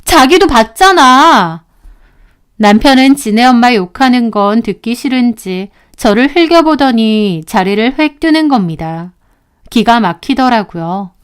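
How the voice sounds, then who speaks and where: A woman telling a story in the first person, indignant and emphatic throughout. Her voice sits a bit higher than most women's. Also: lively intonation, measured pace, smooth. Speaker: narrator.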